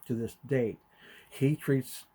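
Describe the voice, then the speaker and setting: A middle-aged man co-hosting a podcast, telling a family story and acting out the voices in it with sudden loud bursts. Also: mid-range voice, takes it slowly, breathy edge. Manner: animated, acts out quotes with sudden loud jumps. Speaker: podcast co-host. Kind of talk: conversational storytelling.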